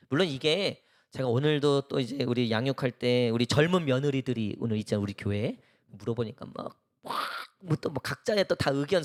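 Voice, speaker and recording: A man preaching a midweek sermon in a church, talking conversationally and often asking the congregation questions. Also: medium pitch. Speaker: pastor.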